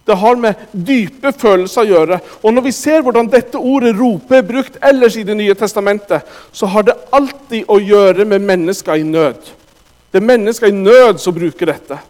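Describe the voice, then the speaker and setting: A man with a high voice delivers a sermon, stressing his words and turning often to the congregation. His voice carries through a church hall with a long reverb. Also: darkish tone. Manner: emphatic, addresses the congregation directly. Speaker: preacher.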